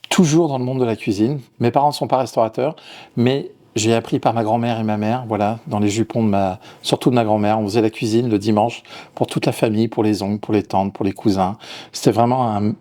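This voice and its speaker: Speaking fairly quickly in a lowish voice with fairly even intonation, this middle-aged Lyon man, a chef who owns a restaurant, fields interview questions. His hesitant answers are full of restarts and repeated words, yet he sounds warm about what he does.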